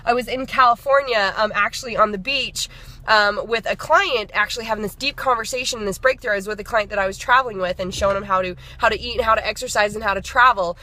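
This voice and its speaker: A woman's voice: medium pitch, fast, sharp tone. A woman in her thirties, a fitness and nutrition coach, chatting in a casual motivational vlog with an upbeat, rambling manner full of fillers and restarts. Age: 30s.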